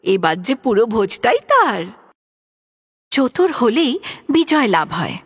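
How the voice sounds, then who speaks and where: Woman narrator for kids' animated stories, lively and fairly high. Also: unhurried, husky. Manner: expressive, addresses the young listener. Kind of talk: storybook narration for children.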